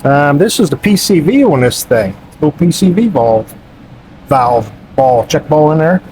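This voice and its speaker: A man's voice: fairly high pitch, expressive, measured pace, a little mellow, slight background noise, rough recording. A man working as a mechanic, chatting casually and joking in a folksy country way while rebuilding an engine in a garage. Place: garage workshop.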